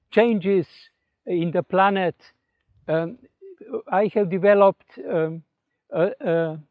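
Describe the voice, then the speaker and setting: A man with a Slovenian accent, a native Slovenian speaker, giving an explanatory talk in English in a halting, word-searching manner. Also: high voice, no room sound. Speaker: speaker presenting his exercises. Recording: tinny phone-like audio.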